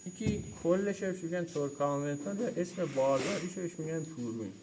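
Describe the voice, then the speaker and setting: In an auto repair workshop, a man whose voice is a little high gives a hands-on mechanics lesson, repeating key terms as he points out each part. Background noise can be heard.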